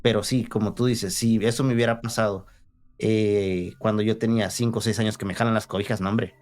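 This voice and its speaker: Low-voiced Mexican man telling a ghost story. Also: fairly even intonation, fairly quick, darkish tone. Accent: Mexican Spanish. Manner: rambling, slangy, many restarts and fillers. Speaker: podcast guest. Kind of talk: casual storytelling chat.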